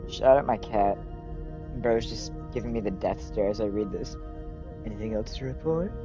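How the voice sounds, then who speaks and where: A man's voice: fairly low pitch, normal speed, music in the background, poor audio. A man casually rambling through let's-play commentary as he plays a video game. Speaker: gaming streamer.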